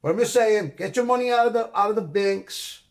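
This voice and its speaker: A man's voice: high voice, a little fast, creaky. A man in casual chat on a barbershop show, insistently repeating warnings and swearing freely. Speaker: regular on a barbershop talk show.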